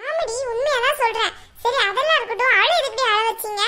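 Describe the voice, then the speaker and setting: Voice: very high-pitched, fast, pushed and bright, slight background noise. A performer voicing a bossy, teasing aunt in a cartoon who scolds the girls in her care. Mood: scolding.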